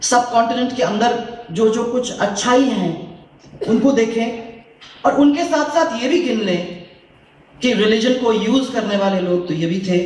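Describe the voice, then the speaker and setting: A woman from India, giving a deliberate, oratorical public speech to an audience in a large hall. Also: darkish tone, a little hiss or hum. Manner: deliberate, oratorical, mixing Hindi and English. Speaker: political speaker. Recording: booming hall echo, voice from far off.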